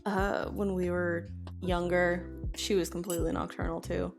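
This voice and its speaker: A woman's voice: fairly low pitch, little pitch movement, normal speed, vocal fry. Woman in her thirties, chatty and emphatic, casual talk, faint music behind. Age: 30s. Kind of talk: casual livestream chat.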